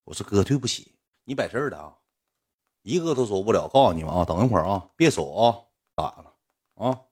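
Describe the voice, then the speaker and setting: A man with a Northeastern Mandarin accent voicing a surly young local tough who mutters threats in a low voice. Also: sing-song, a little fast, a little mellow, slightly rough. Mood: menacing.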